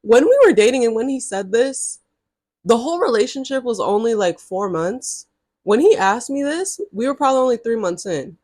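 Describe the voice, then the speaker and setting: A vlogger in her early twenties tells a storytime to camera, chatty and sassy, with frequent direct asides to her viewers. Her fairly high voice has lively intonation, a moderate pace and a darkish tone. The studio sound is clean, with no echo.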